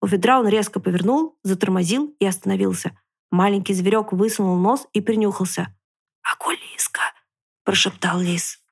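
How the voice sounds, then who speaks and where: Brisk, expressive woman reading a children's story. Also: medium pitch. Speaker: reader on a podcast.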